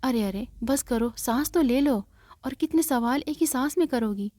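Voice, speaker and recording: A woman voicing a gentle, affectionate aunt in a spoken story. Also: sits high, dry recording, clean studio sound, close to an everyday voice. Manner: tender, affectionate. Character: loving, gentle aunt, a middle-aged woman.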